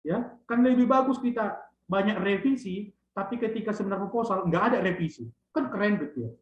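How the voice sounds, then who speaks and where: A man, a lecturer guiding students on their theses, who closes phrases with a drawn-out tag and teases. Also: high voice, slight background noise. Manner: drawn-out "gitu dia" tags, teasing. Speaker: thesis supervisor lecturer. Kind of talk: online thesis guidance talk. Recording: echoey, dull lo-fi sound.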